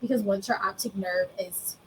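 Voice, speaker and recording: A woman's voice: medium pitch, steady tone, moderate pace, a little hiss or hum, low-quality recording. A woman in her thirties from the United States, candidly telling her own story as an interview guest, plain and self-mocking. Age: 30s. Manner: candid, explains plainly, laughs at herself.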